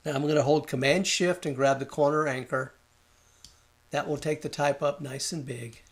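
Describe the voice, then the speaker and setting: A man talking through a design software tutorial, thinking aloud and muttering at the program as he works, with keyboard and mouse clicks behind him. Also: on the high side, steady tone, moderate pace. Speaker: design instructor. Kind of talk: screen-recorded software tutorial.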